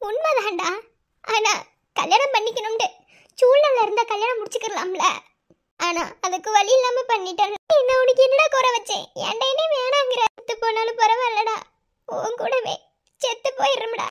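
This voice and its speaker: A woman's voice: very high voice, normal speed. A woman voicing Nila, a heartbroken young village woman in a cartoon, speaking with a Madurai Tamil accent in a pleading, tearful way. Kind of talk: cartoon voice acting.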